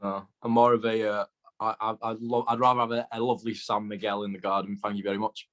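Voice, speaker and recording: A man's voice: on the low side, flat delivery, fast talker, fairly bright tone. A man guesting on a casual podcast, joking around and laughing through his answers. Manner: jokey, laughing, playful banter. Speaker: band member guest.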